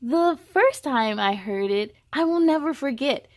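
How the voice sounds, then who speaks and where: Hosting story time for kids, a woman reads with lively intonation in a voice that sits high, keeping a slightly slow pace. She adds warm, chatty encouragement for young listeners throughout the animated reading.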